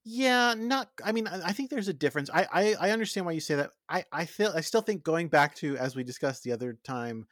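A man with a slightly high voice chats casually about films as a co-host. He hesitates and repeats words, in a dry recording. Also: expressive, fairly quick, hardly any pauses, fairly bright tone, no room sound. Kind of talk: casual film discussion.

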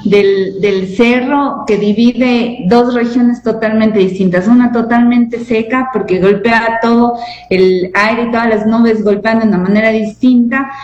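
A woman with an Ecuadorian accent, a guest official, who speaks slowly and enthusiastically, as if promoting a destination. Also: mid-range voice, a little mellow, lo-fi sound. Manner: enthusiastic, slow and descriptive. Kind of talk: promotional interview talk. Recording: echoey remote line, faint background.

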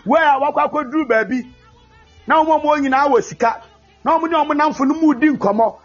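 A man preaching a fervent sermon, often shouting and mixing English with Twi. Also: very high voice, moderate pace. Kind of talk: sermon with prayer. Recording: dull lo-fi recording with faint music.

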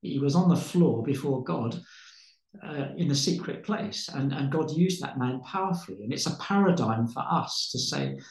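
A man's voice: medium pitch, animated, moderate pace, vocal fry. Pastor guy, passionate preachy storytelling, echoey room. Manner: fervent, preachy, repeats words as he builds. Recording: roomy echo.

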